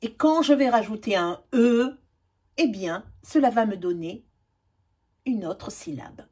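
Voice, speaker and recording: Slow, husky woman teaching spelling. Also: medium pitch, animated, mellow. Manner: slow, carefully spelled-out teaching, drawn-out words. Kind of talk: spelling lesson for children.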